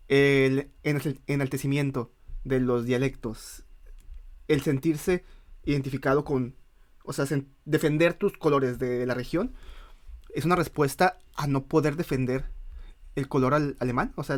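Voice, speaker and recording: A man with a Mexican accent, co-hosting a casual podcast chat and often restarting his sentences as he thinks aloud. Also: mid-range voice. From northern Mexico. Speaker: podcast co-host.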